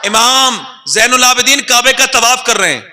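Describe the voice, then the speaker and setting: High bright preacher man in echoing hall. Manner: storytelling, rises to shouting and leads crowd chants. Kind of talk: sermon.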